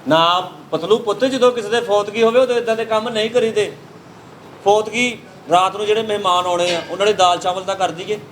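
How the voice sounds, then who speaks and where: A high-pitched man plays a brash, teasing caterer in a comic sketch. He mocks and jokes while taking down an order. Steady noise sits behind his voice. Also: a little fast, rough recording.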